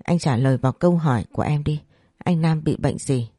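A woman voicing a frightened young pregnant wife, asking anxious, pleading questions in a low, dark voice. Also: fairly quick, breathy edge, no echo, clean studio sound.

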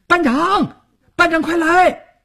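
A husky-voiced male storyteller voicing a young sentry soldier who shouts demands. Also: extremely high pitch, takes it slowly, pitched above the performer's own voice, heavily acted. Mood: panicked.

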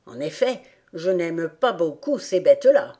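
A woman reading an audiobook, voicing a frightened, indignant male rat in a low voice. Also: big pitch swings, a little slow, warm tone. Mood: wary.

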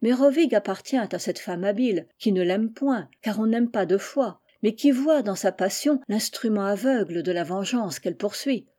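A woman voicing a scheming queen and stepmother, soft and insinuating, in a storybook reading. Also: mid-range voice, animated, normal speed, few pauses, lightly acted.

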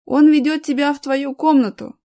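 A strict, curt rich man from a storybook, giving short sharp orders, as a woman reader voices him. The tone stays mellow and fairly high. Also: fairly even intonation, moderate pace, close to an everyday voice. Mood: stern. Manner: curt, stern.

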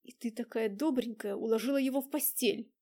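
Woman reading angry jealous guy, yells rough, storybook. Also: on the high side, a little fast, lightly acted. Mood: sneering. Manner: shouting, coarse.

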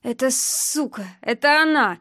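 A woman's voice: high voice, unhurried, bright, forceful tone, no room sound, heavily acted. Woman doing a drunk young guy, slurred, spiteful, mumbling, dry close sound. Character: drunk battered young man, bitter, slurring.

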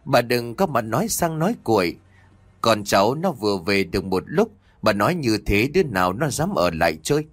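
A man doing a gruff old grandfather. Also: lowish voice, big pitch swings, fairly quick, no room sound. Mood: scolding.

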